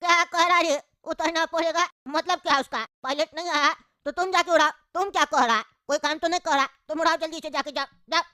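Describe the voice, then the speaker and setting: A woman's voice: very high-pitched, steady tone, brisk, few pauses, pushed and bright, dry recording. Woman voicing a coughing, grumbling old man. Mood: indignant. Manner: coughing, complaining, rambling. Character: sick old grumbling father on a plane. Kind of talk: comic cartoon voice acting.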